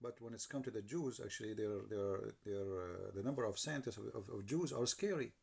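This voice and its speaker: A man's voice: fairly low pitch, brisk, creaky, a little mellow, husky. A man giving argumentative commentary, translating clips and challenging what they say. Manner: repeats and restarts while translating, challenging tone.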